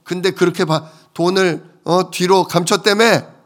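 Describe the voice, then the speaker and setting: A stern rich master who scolds and confronts his cheating servant, put on by a preacher. His voice is a bit raised and pushed louder than plain talk. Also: high-pitched, fairly even intonation, a little slow. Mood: scolding.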